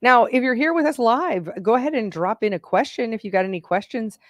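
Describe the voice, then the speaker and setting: A woman co-hosting a live racing engine show chats casually, rambling a bit as she welcomes viewers and reads their comments aloud. Her voice is a little high, animated and fairly quick, on a dry recording with the highs cut off.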